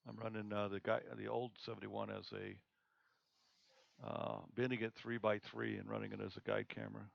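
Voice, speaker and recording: A man hosting a live observatory stream, chatting casually and haltingly with fillers and restarts. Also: fairly low pitch, flat delivery, vocal fry, no room sound. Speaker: observatory host. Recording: dull lo-fi stream audio.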